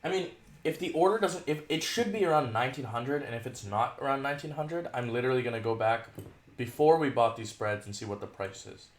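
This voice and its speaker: A man's voice: medium pitch, a little fast. A man chatting casually about trades, frustrated and muttering while he eats. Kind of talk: casual chat. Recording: echoey room.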